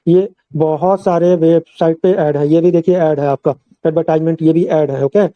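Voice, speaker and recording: A man's voice: fairly high pitch, fairly even intonation, moderate pace, no echo, highs cut off. Man explaining step by step, dry close sound. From India. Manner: repetitive, explains step by step with many fillers. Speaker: online earning plan presenter. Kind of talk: screen-share walkthrough.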